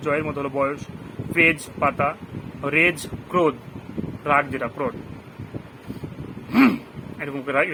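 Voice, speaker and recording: A man teaching a pronunciation lesson. He repeats each rule slowly and gives example words with their meanings. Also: fairly high pitch. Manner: asks the listeners questions. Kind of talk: classroom lesson in Bengali. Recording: noisy background hum.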